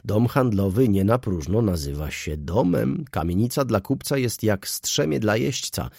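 A man's voice: lowish voice, normal speed, gravelly, no echo, studio quality, voice pushed up. A man voicing a sly, persuasive old-school lawyer. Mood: scheming. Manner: animated, persuasive, theatrical emphasis. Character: scheming middle-aged male lawyer, smooth and sly. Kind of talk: audiobook character voice.

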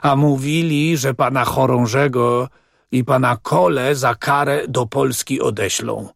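A man reading as a tearful, whining man who pleads and laments a robbery in sobbing, monotonous words. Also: mid-range voice, a little slow, gravelly, no room sound, clean studio sound. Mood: lamenting.

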